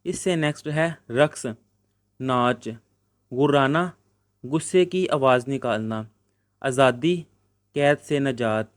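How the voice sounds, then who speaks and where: A man teaching a school Urdu lesson with a Pakistani Punjabi accent, reading out words and their meanings in a steady dictating rhythm. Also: medium pitch, pauses often, clean tone, no room sound. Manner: reads word pairs in a steady dictating rhythm. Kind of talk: Urdu textbook lesson explanation.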